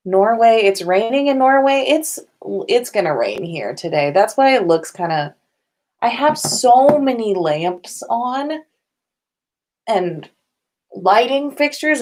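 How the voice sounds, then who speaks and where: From indoors at home, a woman hosts a laid-back podcast livestream, chatting with viewers in a slightly high voice with a darkish tone. Her manner is informal and chatty, full of swearing and giggles.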